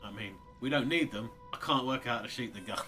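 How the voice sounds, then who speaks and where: A man's voice: medium pitch, fast. A man giving casual, rambling commentary on a video game, with dry muttered asides to its characters. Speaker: gamer commentating on his playthrough. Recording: loud game music behind voice. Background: game music.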